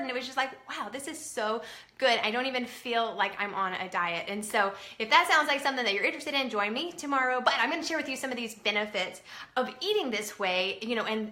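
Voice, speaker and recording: Bright-voiced chatty woman in her thirties. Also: fairly high pitch, roomy sound. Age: 30s. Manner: chatty, upbeat, many fillers. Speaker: vlogger. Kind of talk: casual chat to camera. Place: at home indoors.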